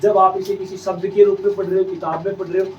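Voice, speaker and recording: A man's voice: high-pitched, level tone, fast talker, a little mellow, a little hiss or hum. A man teaching English reading to children in a classroom, patiently repeating questions and drilling letter sounds. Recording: echoey room, distant mic, slightly dull.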